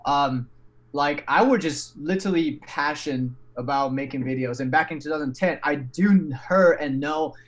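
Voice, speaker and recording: An English-speaking man from Taiwan, with a fairly high voice and a moderate pace, tells his story as a podcast guest. He's animated and candid, often restarting sentences and swearing casually.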